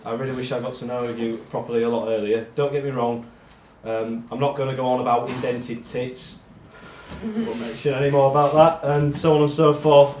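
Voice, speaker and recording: A man speaks in a flat, monotone voice, rambling and poking fun at himself as he addresses his friends. His voice sits at an ordinary middle pitch. The room is echoey, with a faint hiss of noise underneath. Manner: self-deprecating, rambling with ums. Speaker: award speech giver among friends. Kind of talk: casual speech read to friends.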